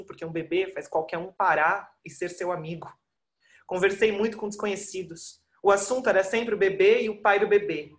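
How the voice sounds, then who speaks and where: A woman performing a monologue as an exhausted new mother, speaking in weary, halting, intimate phrases. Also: on the low side. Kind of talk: theatrical monologue.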